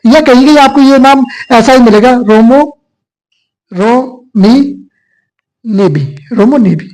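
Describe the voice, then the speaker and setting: In a low-quality recording, a man with a very high, slightly mellow voice speaks slowly while giving an exam coaching lecture. He questions his listeners and answers himself, over and over, call-and-response fashion.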